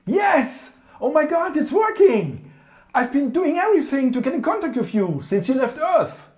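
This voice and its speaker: Desperate human in a sci-fi drama, played by a woman; hugely swooping delivery, slow and pleading, roomy echo. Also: deep voice, huge pitch swings, warm tone, full character voice. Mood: overjoyed, excited. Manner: emotional, dramatic, exclaiming and pleading. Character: desperate human pleading with an alien emperor for help. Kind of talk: scripted science-fiction drama. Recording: roomy, echoing room sound.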